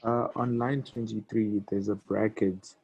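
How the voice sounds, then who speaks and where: A man's voice: on the low side, steady tone, measured pace, gravelly, highs cut off, background noise. A male student politely and hesitantly asking a question in an online class.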